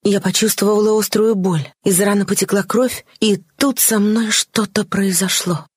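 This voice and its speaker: A woman narrating a classic novel in the first person, steady and expressive. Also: mid-range voice, normal speed, breathy edge, dry recording, studio quality. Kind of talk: audiobook narration.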